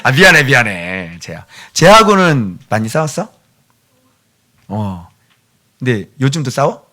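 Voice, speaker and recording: A man's voice: mid-range voice, big pitch swings, a little slow, bright, forceful tone. A male pastor preaching a sermon in a church, chatting with the children by name and sometimes dropping to a near-whisper. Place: church sanctuary.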